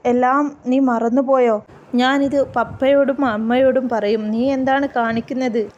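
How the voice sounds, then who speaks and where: A woman voicing an indignant young woman doctor who scolds her brother with shrill, rapid questions. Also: steady tone, darkish tone, lo-fi sound, slight background noise. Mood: outraged.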